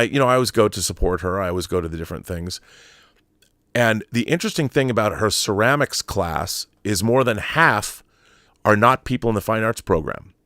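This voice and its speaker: With a fairly low but slightly bright voice, this American livestream host delivers a casual, opinionated monologue and reads out viewer comments. His talk wanders and leans on repeated phrases for stress, and the studio-quality recording has no room sound.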